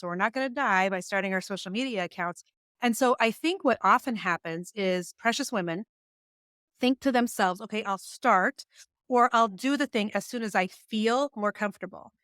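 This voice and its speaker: In a podcast interview, an author and business coach in her forties recounts stories in a relaxed way, acting out her inner dialogue with animation and laughs. She speaks at normal speed in a mid-range voice, with clean studio sound and no room noise.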